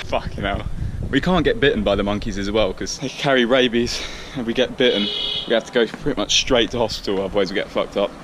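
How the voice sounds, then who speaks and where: A man's voice: on the low side, fast talker. A young British man chatting casually in a rooftop vlog, matter-of-fact and sweary. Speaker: parkour vlogger. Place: outdoor city rooftops. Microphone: action camera. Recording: outdoor noise on action cam. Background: outdoor street noise.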